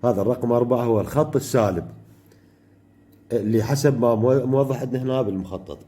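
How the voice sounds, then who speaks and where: An electronics tutor with an Iraqi Arabic accent walks through a workshop step by step, pausing often in mid-phrase to search for the next word. His voice is mid-range and mellow.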